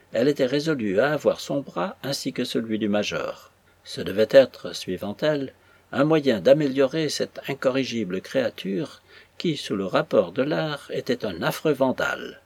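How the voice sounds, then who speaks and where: A man narrates a classic novel in a husky, mid-range voice. His reading is measured and expressive, shaping each long sentence with care. The recording is dry and close. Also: mid-range voice, dry recording. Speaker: audiobook narrator. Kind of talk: literary audiobook reading.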